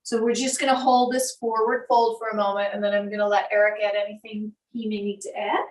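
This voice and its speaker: A woman yoga instructor giving calm, step-by-step guided instruction on breath and poses. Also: mid-range voice, fairly quick, far from the mic. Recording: echoey room, voice from off the mic.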